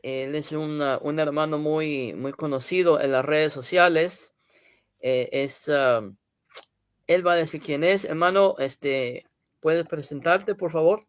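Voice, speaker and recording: Male pastor host, unhurried, filler-laden, slightly high voice. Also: smooth, dry recording. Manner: slow, filler-heavy, often says "este". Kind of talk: live-stream religious talk.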